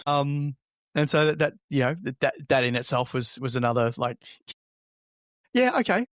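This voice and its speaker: A man, an interview guest telling a personal story in a halting, reflective, conversational way, acting out remembered remarks. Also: mid-range voice, steady tone, a bit bright, dry recording, studio quality.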